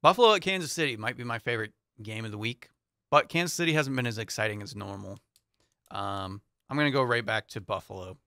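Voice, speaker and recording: A man's voice: lowish voice, fast, vocal fry, bright, forceful tone, no room sound. A young man co-hosting a casual sports podcast in a small studio, reading out matchups in an easygoing way. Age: young adult. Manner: easygoing, reads out matchups with light laughs. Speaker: co-host. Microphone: studio mic on boom arm, headphones.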